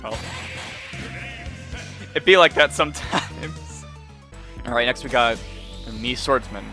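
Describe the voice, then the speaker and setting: A man giving casual, excitable commentary over his own gameplay, swearing and laughing as he plays. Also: medium pitch, takes it slowly, faint music behind. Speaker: gaming YouTuber.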